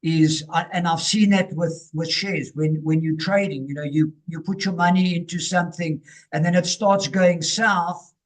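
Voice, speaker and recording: Male host, high voice, recaps and checks understanding. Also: steady tone, normal speed, few pauses. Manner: summarizing and checking his understanding. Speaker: interview host. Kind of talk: casual interview.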